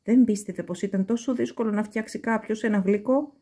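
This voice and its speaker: A woman reading a children's story aloud in an expressive, animated way. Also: mid-range voice.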